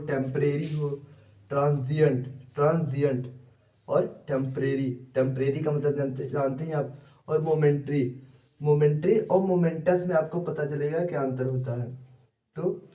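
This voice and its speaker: Man drilling vocabulary in an echoey room. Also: fairly high pitch. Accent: Hindi. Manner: repetitive drilling with mnemonic tricks. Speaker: vocabulary teacher. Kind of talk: exam-prep vocabulary lesson. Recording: echoey room, distant mic, dull sound.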